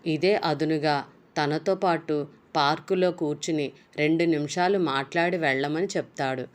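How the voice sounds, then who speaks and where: A woman with a low voice, narrating a novel at an even, steady pace. She reads the story in a plain way. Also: moderate pace. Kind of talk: novel summary and reading.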